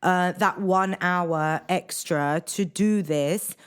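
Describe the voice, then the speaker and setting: A woman's voice: fairly low pitch, slow pace, clean tone. A woman in her thirties hosting a podcast, chatting casually with wry, sarcastic asides. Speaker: podcast host. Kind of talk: casual conversation.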